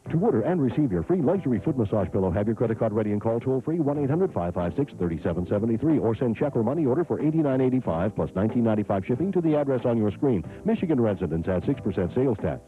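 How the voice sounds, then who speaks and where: A man's voice: medium pitch, sing-song, very fast, few pauses, soft background music. A man reading out infomercial ordering details as an announcer. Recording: narrow muffled TV audio.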